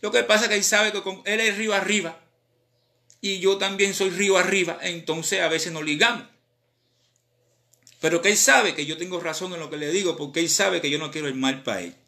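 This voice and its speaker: A man with a Cuban accent, a rapper chatting casually on a live stream in animated, slang-filled talk. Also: high voice, fairly quick. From Cuba.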